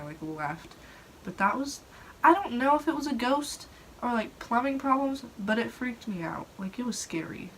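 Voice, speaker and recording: A chatty young woman, acting as storyteller host, rambles casually about her personal experiences and uses "like" heavily. Her voice is fairly low in pitch but fairly bright in tone. The noisy recording comes from a phone propped on a dresser, with clear background noise.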